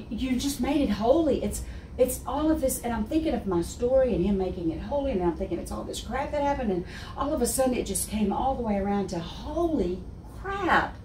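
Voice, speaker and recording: An expressive Texas woman in her sixties, voice on the high side and accent heavy, gives an animated faith testimony as a guest speaker, laughing often and gesturing constantly. She sits on a wood-panelled office set with armchairs, in audio that is roomy and distant with a faint hiss.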